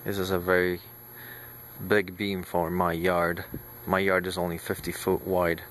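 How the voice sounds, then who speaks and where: A man filming himself on a handheld phone outdoors in a small backyard, casually showing off his gear in an unhurried way with many pauses and fillers. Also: low voice, little pitch movement, a bit bright, slight background noise. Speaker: amateur radio hobbyist. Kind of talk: casual show-and-tell. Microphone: handheld phone camera, shaky video.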